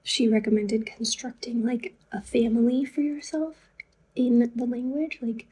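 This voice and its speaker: Woman vlogger, soft and husky, mellow tone, slightly high voice, loose chatty delivery. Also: steady tone, measured pace, low-quality recording. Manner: chatty and loose, with casual asides. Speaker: language learner vlogger. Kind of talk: casual chat to camera.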